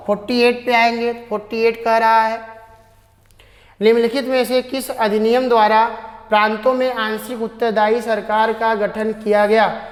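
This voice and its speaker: A woman teacher going through exam questions one at a time, reading each English question slowly and then explaining the answer in Hindi. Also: on the high side, little pitch movement. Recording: echoey room with long reverb.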